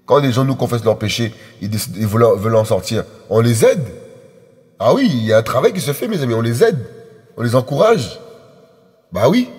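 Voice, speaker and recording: A man's voice: medium pitch, animated, brisk, a little mellow, breathy edge. A man preaching a sermon in an emphatic, repetitive way, often calling out to his congregation as friends. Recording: echoey hall with faint music.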